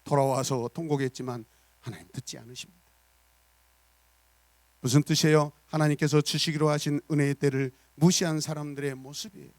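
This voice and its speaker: Man pastor, sermon, emphatic delivery with soft asides and acted dialogue, slightly high voice, dry. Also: fairly even intonation, a little fast, dry recording. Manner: emphatic preaching that swings from loud declarations to soft asides; acts out little dialogues in character voices.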